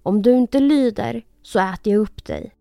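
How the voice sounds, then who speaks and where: A woman voicing a cunning male wolf in a storybook reading, loud and coaxing with false sweetness. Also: mid-range voice, animated, vocal fry, dry recording, studio quality. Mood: demanding. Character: cunning big male wolf faking a mother.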